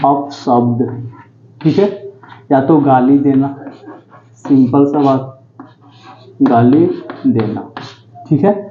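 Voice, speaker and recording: A man's voice: medium pitch, slight background noise. Male tutor, repetitive drilling delivery, echoey lo-fi room. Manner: repetitive, drilling each word with "ठीक है" and self-questions. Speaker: English vocabulary teacher. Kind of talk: exam-prep vocabulary lecture. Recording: roomy, dull lo-fi sound.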